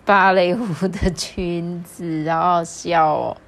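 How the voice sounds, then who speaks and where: A woman storyteller reads a children's picture book aloud. Her telling is animated and playful. She keeps an unhurried, slow pace. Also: lowish voice.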